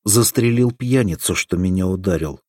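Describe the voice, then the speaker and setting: A man reading the part of an affectionate, teasing young village girl in an audiobook, lifting his voice into a bright pleading lilt. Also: sits low, moderate pace, no room sound, studio quality. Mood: tender.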